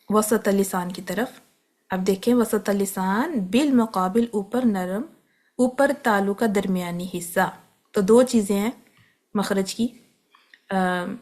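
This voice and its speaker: A woman teaching tajweed, patiently explaining where letters are formed and repeating each sound slowly, with English words mixed in. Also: medium pitch, a little mellow. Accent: Pakistani Urdu. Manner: patient, step-by-step instruction mixing in English terms. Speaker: Quran recitation teacher.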